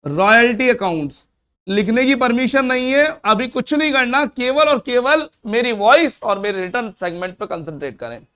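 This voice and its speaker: A man teaching accounts in a fast classroom lecture, asking and answering his own questions. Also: very high voice, expressive, pushed and bright.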